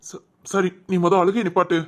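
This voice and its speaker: A woman's voice: lowish voice, little pitch movement, close to an everyday voice. A woman voicing a hot-tempered young man who protects his fiancée and speaks in an angry, commanding way, in an amateur family drama. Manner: angry, commanding, quick to threaten.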